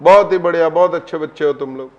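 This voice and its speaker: A man's voice: fairly high pitch, fast talker, highs cut off. A man teaching a live online class, quizzing his students with repeated questions and addressing them fondly. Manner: coaxing, affectionate address to students.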